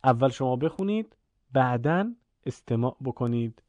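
Mellow-voiced man teaching recitation. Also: medium pitch, animated, no room sound. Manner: explains slowly, then chants Arabic examples. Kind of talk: spoken lesson with chanted examples.

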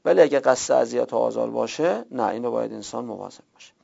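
A man with a gravelly, creaky voice lectures a class, explaining each point patiently, repeating key words and flagging what is new. The recording sounds dull and lo-fi. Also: mid-range voice, lively intonation, mellow. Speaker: teacher of Arabic morphology.

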